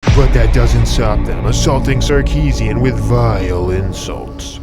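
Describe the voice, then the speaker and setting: A man's voice: medium pitch, a little slow. A man giving a hammy, theatrical dramatic reading of an article, like a stage actor, as narrator. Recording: music behind the voice. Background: music.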